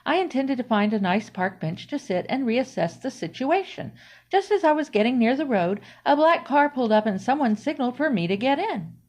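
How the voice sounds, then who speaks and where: A woman narrating a first-person story in a plain, even storytelling manner. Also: fairly high pitch, brisk. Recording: slightly dull, lo-fi audio.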